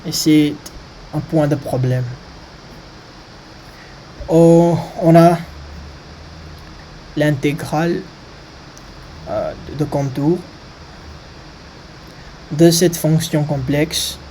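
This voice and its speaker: Very slow, halting non-native French speaker with foreign accent. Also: mid-range voice, fairly even intonation, dark tone, a little hiss or hum, rough recording. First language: not French. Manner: halting, searching for words. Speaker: maths video presenter. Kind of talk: informal maths lesson.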